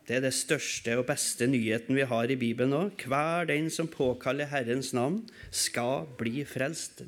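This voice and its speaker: A man preaching a sermon in a church service, asking rhetorical questions and swinging between raised calls and quiet, low passages. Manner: emphatic, asks rhetorical questions and answers them.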